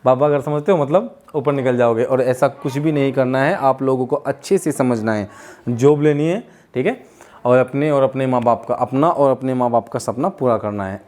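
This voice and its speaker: A young male teacher leads a lesson at a steady, mid-pitched level. He explains patiently, stretching out each sound for his students. Now and then he slips in a light joke. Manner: explains slowly with drawn-out sounds. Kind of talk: classroom lesson.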